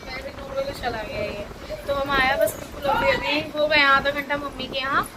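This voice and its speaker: Chatty high-voiced woman vlogging at home. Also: steady tone, normal speed, background noise. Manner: chatty, playfully teasing and scolding. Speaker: vlog host and mother. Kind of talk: casual family vlog chat. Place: at home, indoors.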